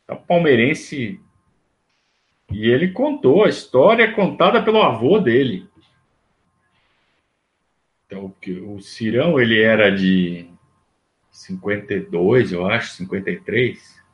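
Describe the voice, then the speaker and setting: A man hosting a livestream rambles casually and at length about club history, restarting often and filling gaps with fillers. His voice sits at medium pitch and is expressive and unhurried, with frequent pauses. The high frequencies sound cut off.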